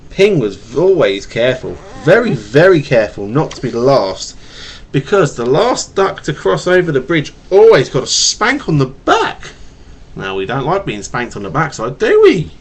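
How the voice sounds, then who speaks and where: This is a man reading aloud to his young child from a picture book, lively and fun, with a slight stutter and the occasional casual aside. The mid-range voice moves at a moderate pace and sounds slightly rough, picked up by a webcam mic at home.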